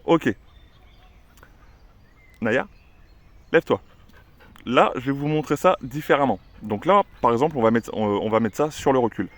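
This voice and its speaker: Un homme qui explique le dressage de son chien en vlog décontracté, avec beaucoup d'hésitations. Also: male voice, mid-range voice, animated, fast talker, few pauses. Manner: chatty, many "euh" fillers, gives commands to the dog. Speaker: dog trainer and channel owner. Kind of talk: casual explanatory vlog with a dog.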